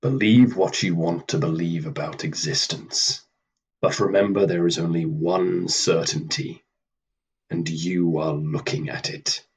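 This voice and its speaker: A man acting in a radio play as Death, a stern, weary immortal who speaks formally and coldly with a husky voice. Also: deep voice, fairly even intonation, heavily acted, poor audio. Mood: cold, dismissive. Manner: deliberate, formal, cold, dismissive.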